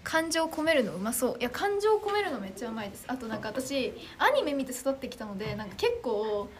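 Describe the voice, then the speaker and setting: A teenage girl from Chiba chatting casually on a livestream, reading viewer comments in a bubbly, animated, self-deprecating way. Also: on the high side, fast talker, slight background noise. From Chiba, Japan. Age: teens. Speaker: idol trainee streamer.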